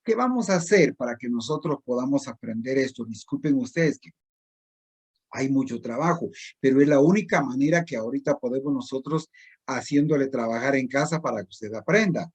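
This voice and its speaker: A middle-aged male teacher explaining spelling rules slowly and repetitively, with many pauses. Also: mid-range voice, animated, darkish tone, breathy edge. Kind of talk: recorded distance-learning spelling lesson.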